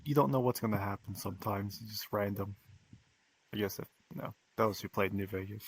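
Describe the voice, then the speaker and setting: A man's voice: on the low side, fairly even intonation, fairly quick, breathy edge, no room sound, poor audio. Laid-back man bantering about games. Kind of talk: casual chat.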